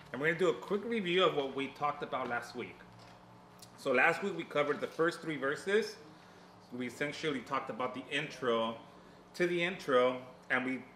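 A man's voice: mid-range voice, bright, forceful tone, a little hiss or hum. A man preaching a sermon recap as pastor, earnest and conversational, speaking around a cough drop in his mouth. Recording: echoey room.

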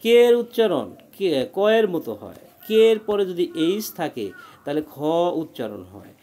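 A man's voice: fairly high pitch, very animated, normal speed, warm tone, husky. A man talks through a spelling lesson one letter at a time. His voice sits a little above the usual male range. He checks in often to keep the student following along. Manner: patient, explains letter by letter and keeps checking "ঠিক আছে?". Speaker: teacher.

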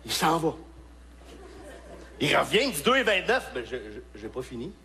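A male stand-up comedian from Quebec with a Québécois accent, telling stories on a live stage and shouting his punchlines. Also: medium pitch, normal speed, gravelly, very noisy. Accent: Québécois French. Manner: animated storytelling with shouted punchlines.

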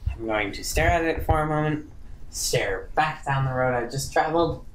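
A man's voice: on the high side, moderate pace, a little hiss or hum, poor audio. A man chatting casually as a player in a tabletop game, with a dry, hesitant manner.

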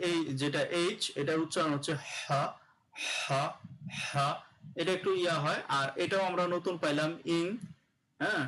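Guy teaching a class online, kinda high voice, says each sound over and over, lots of fillers. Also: fairly bright tone, slight background noise, low-quality recording. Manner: explains slowly, repeating sounds, with many fillers. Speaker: English pronunciation teacher.

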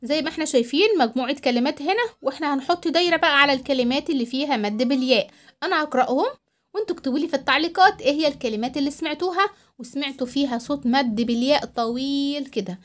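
A woman with an Egyptian accent teaching young children to read, drawing out syllables slowly and clearly. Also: high-pitched. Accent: Egyptian Arabic. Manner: drawn-out syllables for young learners. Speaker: primary school teacher. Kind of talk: children's reading lesson. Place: voice-over recorded at home.

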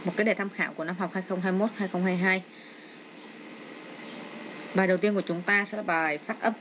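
A woman's voice: fairly low pitch, fairly even intonation, brisk. A middle-aged woman teacher explaining an exam step by step from home, with frequent hesitant fillers. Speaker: English teacher. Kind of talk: exam walkthrough lesson. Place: home with a child nearby. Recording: noisy home recording.

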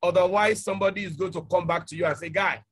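A man's voice: sits high, fairly even intonation, rapid-fire, a little hiss or hum. A man, speaking emphatically on an online panel and repeating his key points. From Nigeria.

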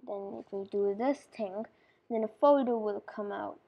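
Talking through a game tutorial, the speaker keeps things chatty and meandering, with plenty of fillers, muttered asides and corrections. A medium-pitched, gravelly, slightly rough voice comes at a measured pace, and the audio has its highs cut off.

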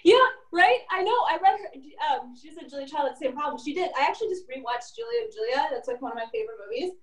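In her home kitchen in an old apartment, a cooking instructor gives a casual demonstration, high-pitched, quick, and lively in intonation. She chats constantly with fillers such as "like" and "kinda." Her voice is off-mic and the room echoes.

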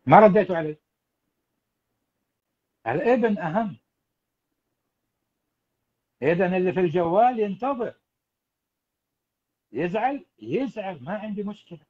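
A man's voice: high voice, moderate pace, pauses often, lo-fi sound. A man giving a live parenting talk, preachy and emphatic, speaking straight to his listeners. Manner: animated, preachy, emphatic, addresses listeners directly. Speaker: parenting coach.

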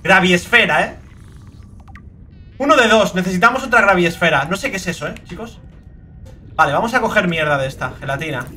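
Young man, Spain Spanish accent, let's play commentary, high lively voice, bright tone, swears constantly. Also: fairly quick, pauses often. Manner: excitable, swears a lot, breaks into shrieking outbursts. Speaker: gaming video creator.

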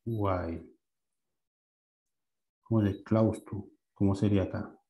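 A male teacher in a classroom who leads a lesson, asks students frequent questions and repeats words slowly. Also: on the low side, highs cut off.

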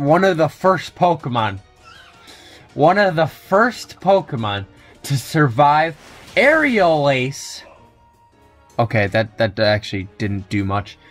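A young adult man giving wry, joking commentary over a video game, often chuckling at his own asides. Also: mid-range voice. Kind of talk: let's play commentary.

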